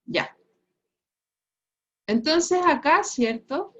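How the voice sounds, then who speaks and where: A Chilean woman gives an online physics lesson in a high-pitched, lively voice, speaking extremely slowly. She explains each step, checks in with her students, tags phrases with "¿cierto?" and "¿ya?", and laughs at her own jokes. The class recording is muffled and lo-fi.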